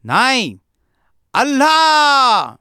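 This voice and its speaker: Burly, enraged man who bellows orders; audiobook figure, pitch pushed very high. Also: wildly swooping pitch, extremely slow, pushed and bright, smooth, dry recording, studio quality, full character voice. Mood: furious. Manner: bellowing commands at full force. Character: fierce burly man in his thirties, furious.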